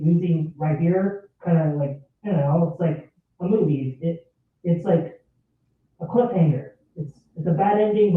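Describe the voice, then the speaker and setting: A man's voice: fairly high pitch, a little hiss or hum. A man calling in to a live show who sounds like he is at the bottom of a well, rambling and restarting his points with "look". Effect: sounds like down a well, tunnel-like echo. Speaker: caller. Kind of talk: fan venting on a call-in. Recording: distant echoey lo-fi call line.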